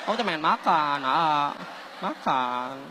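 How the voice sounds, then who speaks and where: A man's voice: fairly high pitch, animated, takes it slowly, pushed and bright, a little hiss or hum, pitched below the performer's own voice, heavily acted. A man voicing a coy young female student who whines to her boyfriend with a Sundanese accent. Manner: whiny, coy, stumbling. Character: young woman student, coy and whiny girlfriend.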